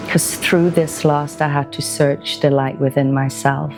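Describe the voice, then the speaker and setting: Over background music, a woman from Belgium in her forties offers slow, gentle, reflective documentary narration, pausing between ideas. She works as a wellbeing practitioner, and her low-pitched voice keeps a steady tone.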